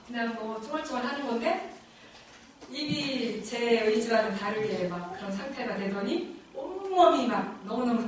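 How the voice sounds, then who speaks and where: Middle-aged woman telling a lively testimony in an echoey room. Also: a little high, recorded from a distance, slight background noise. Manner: animated, emotional storytelling with frequent laughs. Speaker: guest lecturer at a church faith lecture. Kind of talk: personal faith testimony talk. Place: church lecture room.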